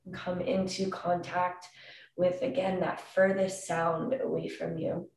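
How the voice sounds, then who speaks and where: Slow, calm woman guiding a grounding exercise. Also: lowish voice. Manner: calm, soothing, unhurried instructions with long pauses. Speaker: meditation guide. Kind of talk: calm guided grounding meditation. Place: indoor room with wooden floor and plank wall. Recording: roomy echo, distant microphone.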